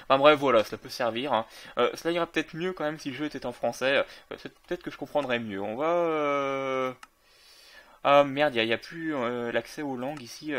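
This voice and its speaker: A man's voice: mid-range voice, fairly quick, fairly bright tone. Hesitant man commenting on a game. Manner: hesitant, many fillers and self-corrections. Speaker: gaming video creator.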